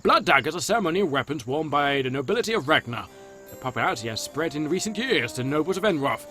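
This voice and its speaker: Gamer host, playful rambling asides, bright lively voice, faint music behind. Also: male voice, on the high side, quick pace. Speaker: let's play host. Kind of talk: casual game commentary.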